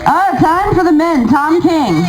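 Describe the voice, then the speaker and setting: A woman's voice: very high-pitched, animated, a little slow, rough recording. A woman hosting a live contest, chatty and encouraging as she banters with contestants. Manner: chatty, encouraging, laughs often. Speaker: contest host and emcee. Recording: loud outdoor festival crowd noise.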